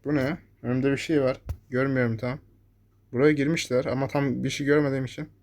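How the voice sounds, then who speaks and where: A man's voice: mid-range voice, little pitch movement, fast talker. A young man giving live gameplay commentary, talking to his viewers and cursing at the enemies that chase him. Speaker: gameplay streamer.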